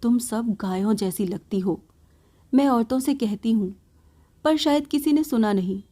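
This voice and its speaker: A woman reading a literary story aloud in the first person, in a slow, soft narrating manner. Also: on the high side.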